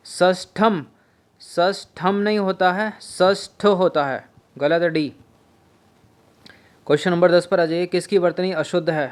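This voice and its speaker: A man leads an exam-prep spelling lesson in a voice a little higher than most. He says each word several times and asks his students how it is written. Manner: drills words by repeating them, asks students questions. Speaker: teacher.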